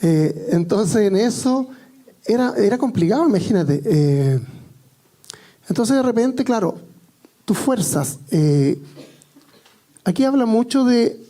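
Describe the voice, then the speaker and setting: A man's voice: high voice, expressive, takes it slowly, long pauses, mellow. A man with a Chilean accent preaching a sermon, telling personal stories in a joking, conversational way.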